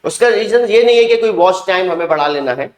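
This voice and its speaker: High-voiced man teaching English grammar. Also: expressive, reverberant. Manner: explains slowly, repeats example sentences with emphasis. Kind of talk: spoken grammar lesson.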